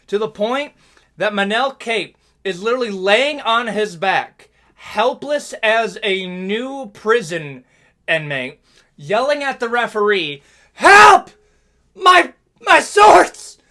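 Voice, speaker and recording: Animated high-voiced male fight commentator. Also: takes it slowly. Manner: animated, joking, says "okay?" and "bro" often. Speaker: MMA commentary YouTuber. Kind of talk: casual fight recap commentary.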